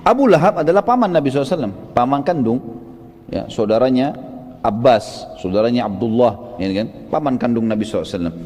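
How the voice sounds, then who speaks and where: A man preacher telling a religious story as a vivid storyteller, often rising into loud exclamations and addressing listeners as friends. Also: medium pitch, expressive, fast, in a large hall. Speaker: Islamic preacher.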